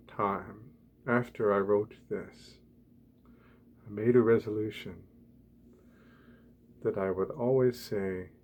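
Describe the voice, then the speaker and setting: A man speaking softly and quietly as if at night, reading and reflecting in halting, deliberate short phrases, ASMR style. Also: lowish voice. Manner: quiet, hushed night-time talking. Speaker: blogger reading from own blog. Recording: clear background ambient noise.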